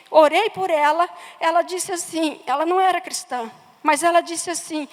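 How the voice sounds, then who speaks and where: A woman's voice: high-pitched, fairly bright tone. A woman with a Brazilian Portuguese accent preaching a sermon, telling a personal story with emphatic repetitions. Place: church sanctuary. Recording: church hall reverb.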